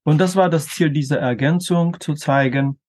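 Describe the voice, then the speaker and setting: A man explaining grammar in a careful lecture, pronouncing example words slowly and deliberately, with an occasional filler. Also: on the high side, a little mellow. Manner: slow, deliberate, careful pronunciation of Hebrew terms. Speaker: language teacher.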